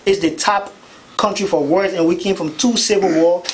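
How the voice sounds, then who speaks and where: A man's voice: sits high, steady tone, moderate pace, a little hiss or hum, rough recording. A young man from Liberia, a guest on a radio talk show, speaking earnestly and repeating words for emphasis into a studio mic. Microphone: studio boom mic.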